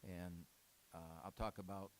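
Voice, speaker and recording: A man's voice: low voice, level tone, a little slow, slight background noise, poor audio. A man speaking as a head basketball coach at a post-game press conference, rambling and candid with frequent restarts.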